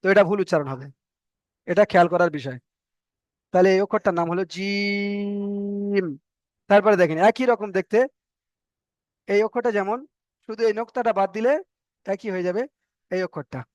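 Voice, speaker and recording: A man's voice: high-pitched, quick pace, long pauses, darkish tone, dry recording, muffled recording. A man teaching Arabic letter reading in a patient, explanatory way, with a Bengali accent, repeating letter names and stretching sounds to demonstrate. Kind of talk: explanatory online lesson.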